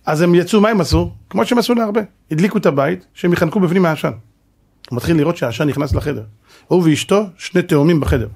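A man's voice: on the high side, a little mellow, husky. A man, a rabbi, giving a sermon-style Torah lecture before a live audience, telling a story dramatically and asking the listeners rhetorical questions.

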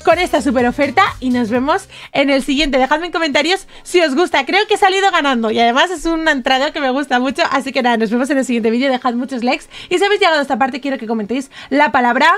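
High-voiced chatty woman gamer. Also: fast talker, few pauses. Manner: chatty and animated, reading out trade offers. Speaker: gaming YouTuber. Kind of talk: casual gameplay commentary. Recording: faint background music.

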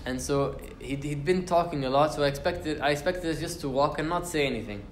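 Speaking a little fast in a voice on the high side, a young teacher gives informal tafsir talk in a university lecture room. He recites Arabic verses and talks casually, stumbling into fillers and restarts. There's a roomy quality to the sound and slight hiss or hum.

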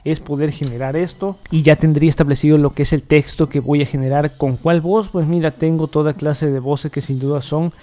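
A man hosting a software tutorial, explaining each step as he clicks through, often repeating set phrases. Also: fairly high pitch, fairly even intonation, fairly quick, hardly any pauses. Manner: repetitive, filler-heavy demo talk. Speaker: tech tutorial host. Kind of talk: screen-recorded software tutorial.

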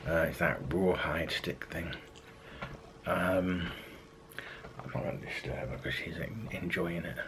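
A man's voice: low-pitched, unhurried, background noise. A man in his thirties chatting casually to a handheld camera, rambling and hesitant with many ums. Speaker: vlogger. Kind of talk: casual daily vlog. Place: outdoors in a park, then in a car, then at home. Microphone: handheld camera at arm's length.

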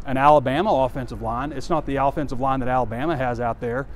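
A sports site publisher in his forties walks along a campus street near a stadium, giving candid, rambling commentary full of fillers. He talks fast in a medium-pitched, steady voice. A phone camera held close while he walks records it, with faint street noise around him.

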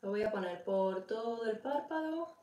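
A woman with a Peninsular Spanish accent hosts a casual makeup tutorial livestream from a room at home, chatting straight to her viewers and reading and answering their comments as she works. Her mid-range voice has lively intonation and a dark tone at a normal speed. The room sounds echoey.

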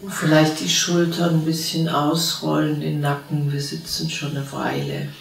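A woman, a spiritual teacher, gently guiding a seated group through a meditation with calm, unhurried instructions. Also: low voice, gravelly, a little hiss or hum. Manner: slow, calm spoken instructions with long pauses. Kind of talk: guided meditation. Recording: roomy sound from a distant mic.

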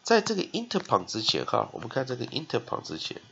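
In a muffled recording with a little hiss or hum, a man with a gravelly, sharp-toned mid-range voice and huge pitch swings teaches English spelling and phonics. He speaks Taiwanese-accented Mandarin, stretching out repeated syllables and frequently closing phrases with "ha."

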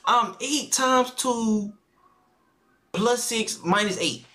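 A young man streaming a joking voice chat in an online game, flustered and stammering, breaking into sudden shouts. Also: extremely high pitch, very slow. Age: young adult.

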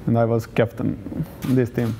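A man in his twenties with a Serbian accent, a football player answering interview questions in short, halting phrases. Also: mid-range voice, monotone, gravelly, warm tone, slight background noise. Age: 20s. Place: hotel lobby, indoors. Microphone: lapel.

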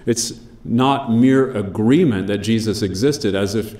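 A man preaching a sermon, measured and emphatic, slowing down on key phrases. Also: fairly low pitch, darkish tone, roomy sound. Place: church.

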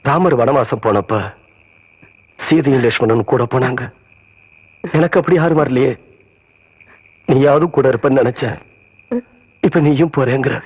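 Actor as a grieving village headman, husky, slow and deep, echoey lo-fi film sound. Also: lightly acted. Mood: sorrowful. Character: dignified grieving village headman, middle-aged. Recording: reverberant muffled film soundtrack.

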